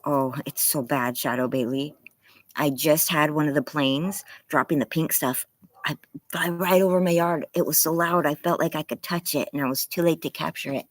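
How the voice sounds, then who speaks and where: An anxious livestreamer of medium pitch rambles casually through a face mask, so the words come out muffled. The throat sounds tired and strained, the manner is apologetic, and the sound is dry, with no room echo. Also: steady tone, normal speed. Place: outdoors in a yard.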